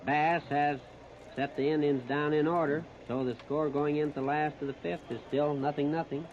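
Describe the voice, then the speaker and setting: On a noisy, muffled 1930s radio disc, an American man gives plain, folksy baseball play-by-play in short phrases. His voice is on the high side, fairly even, and moderately paced.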